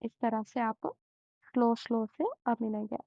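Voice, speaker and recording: A young woman hosting a home cooking channel, walking through a recipe step by step in a slow, gentle way with many hesitations. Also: on the high side, flat delivery, gravelly, no echo, highs cut off.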